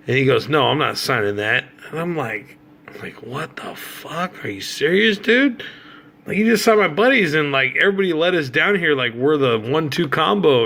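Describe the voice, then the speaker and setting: A middle-aged man, an autograph collector and fan, tells rambling, slangy stories in a casual vlog, swearing now and then. His mid-range voice is creaky with a slightly bright quality.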